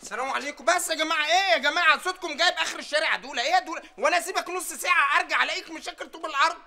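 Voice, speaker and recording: An actor playing a chatty, flattering male café waiter who speaks Egyptian Arabic with street slang. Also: extremely high pitch, rapid-fire, heavily acted. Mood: complaining.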